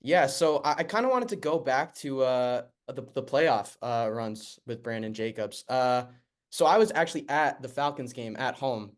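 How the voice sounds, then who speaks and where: A man co-hosting a sports podcast, asking long questions in a hesitant, halting way. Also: medium pitch, lively intonation. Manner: hesitant, many "uh" and restarts while asking. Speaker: podcast co-host.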